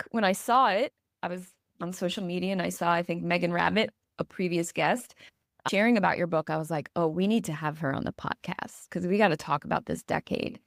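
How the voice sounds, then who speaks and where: A woman's voice: fairly low pitch, dry recording, studio quality. A woman in her forties hosting a podcast, interviewing in an affirming, conversational way. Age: 40s. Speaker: podcast host. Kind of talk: casual interview.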